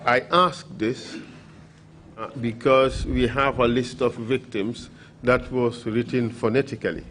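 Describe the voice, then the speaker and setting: A man questioning a witness at a formal hearing, speaking in a slow, measured, procedural way. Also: mid-range voice, fairly even intonation, a bit bright, slight background noise.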